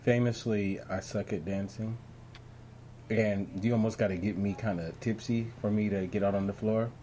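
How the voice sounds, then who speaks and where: A man's voice: fairly low pitch, normal speed, a little hiss or hum. A man hosting an online talk show, chatting casually with lots of fillers and restarts. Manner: relaxed, rambling with many fillers. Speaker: podcast host. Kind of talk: casual interview chat.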